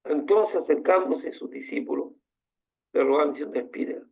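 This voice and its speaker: A man's voice: sits high, unhurried, vocal fry. A man preaching a sermon as pastor, passionate and full of rhetorical questions. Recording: tinny phone-like sound.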